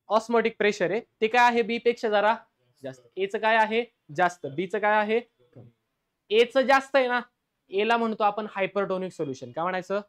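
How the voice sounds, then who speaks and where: A male chemistry teacher with a Marathi accent, lecturing a classroom. He keeps asking the class questions and answering them himself, and dictates English definitions slowly. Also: high voice.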